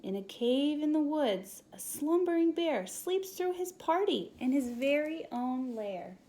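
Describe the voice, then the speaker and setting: A woman preschool teacher reading a children's picture book aloud, expressive and sometimes whispering. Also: sits high. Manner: expressive, drawn-out storytelling with whispered bits.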